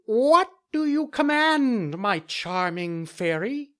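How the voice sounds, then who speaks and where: A man's voice: sits high, big pitch swings, slow, fairly bright tone, voice pushed up, heavily acted. A man voicing a small, reverent male falcon servant.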